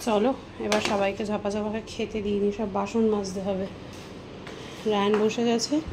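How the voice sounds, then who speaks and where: A woman's voice: mid-range voice, little pitch movement, normal speed. A woman home vlogger chatting casually to viewers while she does housework. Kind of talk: casual vlog narration. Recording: noisy home recording.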